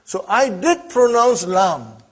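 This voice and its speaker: A man teaching Arabic to a class in a slow, patient way, often checking in with his students. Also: high voice, sing-song. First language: not Arabic. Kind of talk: classroom lesson. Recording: dull lo-fi classroom recording.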